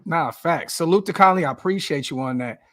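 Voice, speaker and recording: High-voiced man reading viewer comments. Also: a little fast. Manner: relaxed, slangy, reads comments aloud. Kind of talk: casual podcast chat.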